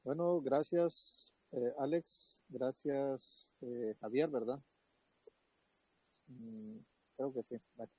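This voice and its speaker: Guy debating, super mellow dark voice, halting, dry muffled audio. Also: medium pitch, fairly even intonation, husky, no room sound. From El Salvador. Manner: earnest, hesitant fillers. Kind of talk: online debate opening statement.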